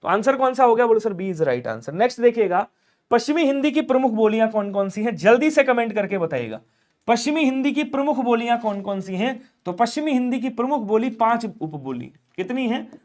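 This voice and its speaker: A man's voice: extremely high pitch, sing-song, brisk, darkish tone. A man teaching an online exam-prep Hindi class, firing questions and answering them himself in call-and-response.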